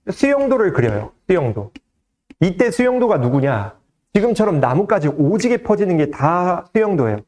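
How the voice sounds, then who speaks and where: Male math tutor, slightly high voice that swings widely in pitch, chatty exam walkthrough full of questions to the class. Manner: lively, conversational teaching with frequent rhetorical questions. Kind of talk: exam solution lecture.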